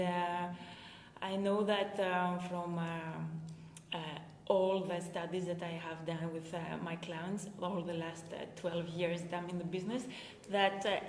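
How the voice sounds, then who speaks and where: On a live stream to her viewers, a Greek performance coach from Greece speaks English with a Greek accent in a lowish voice, hesitating and using lots of filler sounds. The echoey room gives a long reverb, and there's a faint hiss or hum.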